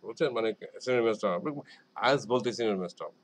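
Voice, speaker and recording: A man's voice: medium pitch, rapid-fire, poor audio. A man teaching an exam listening lesson in a casual, rambling way, full of hesitations and repeated filler words. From Bangladesh. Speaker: IELTS teacher.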